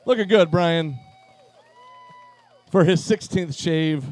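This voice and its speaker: A man's voice: a little high, slow, darkish tone, some chatter behind. A man emceeing a live charity event at a pub, upbeat as he calls names to chairs on a handheld microphone.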